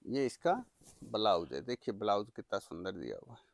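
A man presenting products for sale in an eager, repetitive teleshopping-style pitch. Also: big pitch swings, normal speed, gravelly, dry recording. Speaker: saree seller presenting products. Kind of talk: product sales demonstration.

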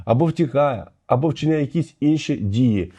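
Чоловік-коментатор обурено розбирає відео, посилаючись на закон. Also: male voice, medium pitch, expressive, normal speed, warm tone, slightly rough. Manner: indignant legal argument. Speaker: commentator. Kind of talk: commentary over video.

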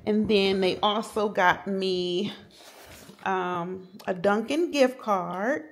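A woman's voice: mid-range voice, slow, roomy sound. A middle-aged woman chatting casually to her vlog viewers at home and in her car. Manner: chatty, animated, says "y'all" a lot. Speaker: vlogger, mother.

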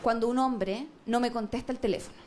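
A woman with a Chilean accent performing a stand-up comedy monologue, acting out both sides of a couple in lively storytelling. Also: a little high, fairly quick, noisy background. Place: comedy stage with a live audience.

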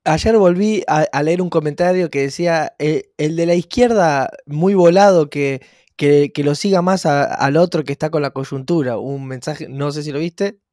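A man's voice: on the high side, normal speed, darkish tone, dry recording, clean studio sound. An Argentine man co-hosting a podcast, teasing his partner playfully and laughing often in casual chat. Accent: Argentine Spanish. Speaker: podcast co-host.

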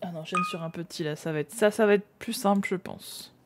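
A woman's voice: lowish voice, fairly quick, loud music behind the voice. A young woman streamer chatting casually to her viewers while drawing, laughing often and muttering to herself.

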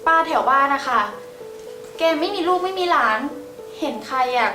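A woman's voice: sits high, lively intonation, moderate pace, reverberant, over music. An actress playing an arrogant young woman manager who talks down to others in a scornful way. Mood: dismissive. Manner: haughty and scornful. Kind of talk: online short drama acting.

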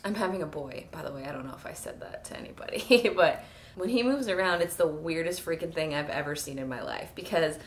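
A woman vlogging casually with a hoarse, fading voice, chatty and self-mocking and laughing often. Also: low voice, brisk, slight background noise. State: hoarse, losing her voice. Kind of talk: casual pregnancy vlog.

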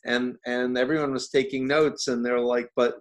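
A man's voice: mid-range voice, level tone, moderate pace. Male interview host, mid-range voice, earnest, stumbles over repeated words. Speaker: host and cult expert. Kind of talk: conversational interview.

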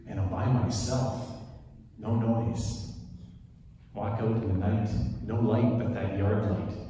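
This worship leader, a Swiss-born Francophone man in his forties, preaches a relaxed, conversational sermon with storytelling and offhand asides, his voice on the low side. He uses a handheld microphone in a spacious wood-panelled church. The far-off recording is echoey, with a bit of hiss or hum.

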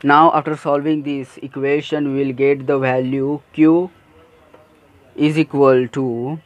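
Man, engineering tutor, worked-problem lecture, unhurried, monotone, hesitant fillers. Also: medium pitch. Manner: slow, hesitant explaining with fillers and self-corrections. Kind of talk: worked-problem lecture over handwritten notes. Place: at a desk, filming a notebook.

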